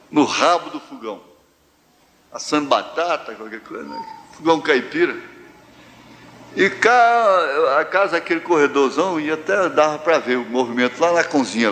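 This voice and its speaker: Folksy preacher in an echoing church. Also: male voice, on the high side, a bit bright. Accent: Brazilian Portuguese, central-west. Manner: folksy storytelling preacher, drawn-out phrases. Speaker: pastor. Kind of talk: sermon. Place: large church hall. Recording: live church hall reverb, faint ambience.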